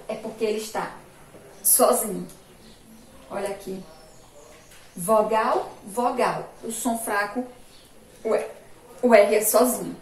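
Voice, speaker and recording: A woman from Brazil teaching a phonics lesson to young children, speaking slowly and emphatically, repeating sounds and words. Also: fairly high pitch. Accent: Brazilian Portuguese, Sergipe. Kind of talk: remote school phonics lesson. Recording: echoey room, distant mic, faint noise.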